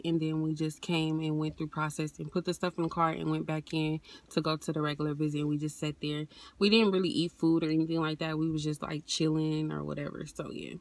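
A young woman vlogging casually from her car on a hot day, chatting to viewers with a phone camera at arm's length and calling them y'all. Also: low-pitched. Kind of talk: casual vlog chat.

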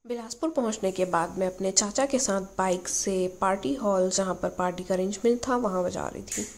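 A young woman narrating her travel vlog as a voice-over, in a relaxed storytelling manner, addressing viewers as guys. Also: medium pitch, a little fast, noisy background. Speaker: vlogger.

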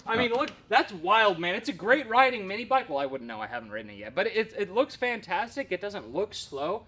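A man's voice: sits high, big pitch swings, a little fast, pushed and bright. A man hosting in an indoor garage workshop, upbeat and presenting to the camera. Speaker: host. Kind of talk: casual show outro.

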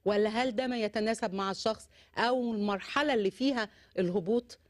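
Middle-aged female host, brisk and encouraging, fast, dry lapel mic. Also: medium pitch, no echo. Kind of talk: TV talk show hosting. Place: TV studio.

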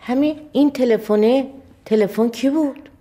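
A woman's voice: mid-range voice, pushed and bright, lightly acted. An actress playing a confused, frail elderly mother who talks in a vague, hesitant, distracted way.

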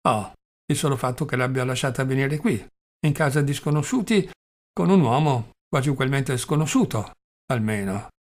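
A man's voice: medium pitch, moderate pace, natural voice. A man reading the part of a worried, earnest woman in an audiobook. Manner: concerned and earnest. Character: worried, kind woman, Claudia Petrovna.

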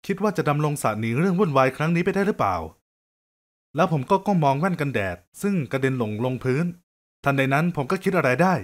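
A man telling a scripted first-person story in a lively, joking, conversational way. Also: on the high side.

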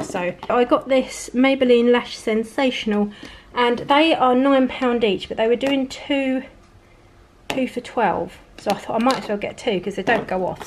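Thirties woman from England, family vlogger; chatty, thrifty haul talk, slightly high voice, phone mic with faint hiss. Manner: chatty, thrifty, rambling asides. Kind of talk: casual grocery haul narration. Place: home kitchen, indoors. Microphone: handheld phone camera filming groceries.

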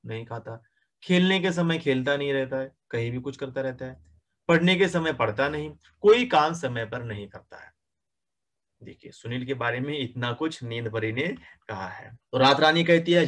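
A middle-aged man reading a children's story aloud as a teacher, stopping to explain words and grammar. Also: mid-range voice.

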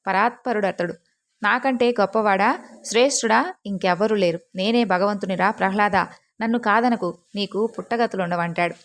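A woman's voice: mid-range voice, moderate pace, natural voice. A woman voicing a furious, arrogant male demon king in a devotional storybook telling, threatening and mocking his son. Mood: boastful.

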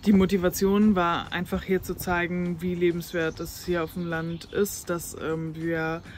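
A farm life blogger in her 30s from North Frisia, northern Germany, chats casually in an interview outdoors on a farm lawn beside a brick farmhouse. Her voice is fairly low, with slight background noise. She's chatty and laughs easily, using lots of fillers and restarts.

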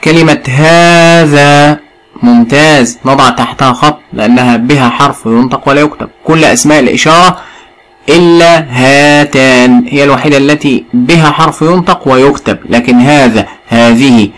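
Man, Egyptian accent, primary school teacher, recorded lesson, slow spelled-out drilling, frequent praise, medium pitch. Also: a bit bright, low-quality recording. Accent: Egyptian Arabic. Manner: drills answers, praises often, spells words out slowly. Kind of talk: recorded lesson for young pupils.

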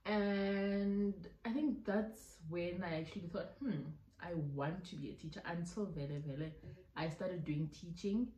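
Low-voiced South African woman in her twenties. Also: measured pace, dark tone, reverberant, slight background noise, rough recording. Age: 20s. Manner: chatty, laughing, mixing in local phrases. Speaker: YouTuber. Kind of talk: casual mukbang Q&A chat. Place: indoor room at home.

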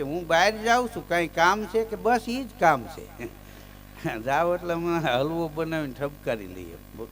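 A man telling folk stories live on stage. He chants verses loudly, then drops into easy chat and lands his punchlines. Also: high-pitched, a little hiss or hum. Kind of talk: live folk storytelling with recited verse and jokes.

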